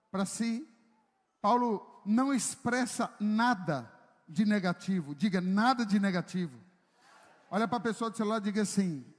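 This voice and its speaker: A man preaching a sermon as pastor, joking with the congregation and rising into loud, emphatic preaching. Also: sits high. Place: church. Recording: echoey church hall.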